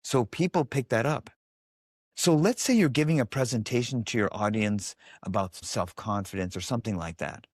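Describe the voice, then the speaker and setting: A man's voice: mid-range voice, moderate pace, no echo, clean studio sound. A man being interviewed as a guest expert, telling stories with animation and acting out the voices of the people he quotes. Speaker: guest, biofeedback specialist. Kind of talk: casual interview storytelling.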